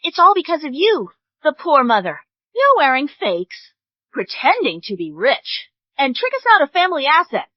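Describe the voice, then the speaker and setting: A woman's voice: sits high, big pitch swings, normal speed, dry recording. A woman dubbing a snobbish, scornful wealthy mother-in-law who talks down to others. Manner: haughty, insulting. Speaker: groom's mother. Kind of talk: English drama dub. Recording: dull dry studio dub.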